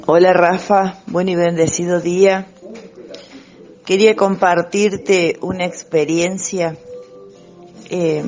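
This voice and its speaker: A woman leaving a casual voice message, speaking haltingly with pauses and fillers. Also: fairly low pitch, darkish tone.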